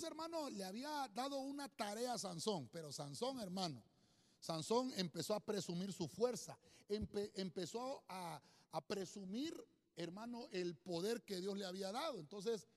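A man preaching a Bible lesson, constantly calling listeners brother, with jokey asides and repeated words as he thinks. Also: high voice. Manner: calls listeners "brother" nearly every sentence. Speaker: preacher teaching a Bible study. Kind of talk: sermon-style Bible teaching at a whiteboard. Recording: long hall reverb.

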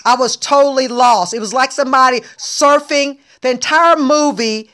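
A woman hosting a casual podcast chat, talking animatedly and exclaiming loudly when she gets excited. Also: sits high, moderate pace. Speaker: podcast host.

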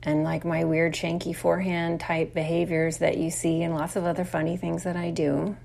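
A woman's voice: fairly low pitch, little pitch movement, normal speed, vocal fry, darkish tone, slight background noise. A woman hosting a podcast, talking through a casual reflective monologue in a rambling way, full of fillers and calling her listeners y'all. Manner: chatty, addresses listeners as y'all. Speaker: podcast host.

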